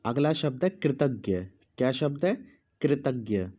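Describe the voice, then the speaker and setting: Male teacher, slow measured dictation, muffled lo-fi sound. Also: medium pitch, lively intonation, faint music behind. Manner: speaks slowly with pauses, repeats each word. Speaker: Hindi teacher.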